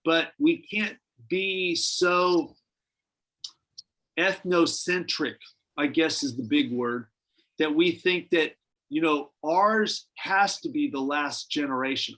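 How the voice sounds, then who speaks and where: A man with a somewhat high voice leads a church Bible study. He talks in a relaxed, musing way, often restarting his sentences as he thinks aloud. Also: slow pace, rough recording. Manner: conversational, speculative, many restarts. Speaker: pastor.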